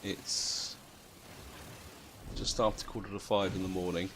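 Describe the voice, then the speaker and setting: A half-asleep-sounding British man hosts a video game let's-play, offering casual commentary. His voice is deep, somewhat bright and unhurried, with little pitch movement, and there's noticeable background noise.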